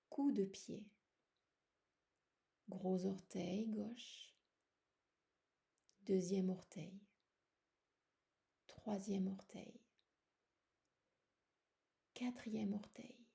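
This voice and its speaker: Long pauses and short, soothing phrases mark this woman's unhurried yoga nidra relaxation guidance. Her voice is mid-range, creaky and soft, at moments fading almost to a whisper.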